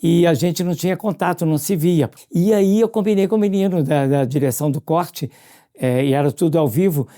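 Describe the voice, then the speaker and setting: Speaking at a brisk pace with a medium pitch, this Brazilian-accented radio presenter looks back on memories in a relaxed, expressive storytelling style. Questions frequently get turned over to the listener.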